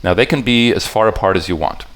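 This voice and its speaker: Giving a puzzle talk at a convention, a man with a low, somewhat bright voice addresses the live audience directly. He often stops short to restart or rework a sentence and occasionally asks if everyone is following.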